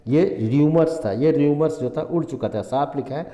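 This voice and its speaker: A male teacher giving a Hindi history lesson. He reads English textbook lines slowly, word by word, and then explains them in Hindi, often repeating himself. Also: a little high, dark tone. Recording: echoey room with long reverb.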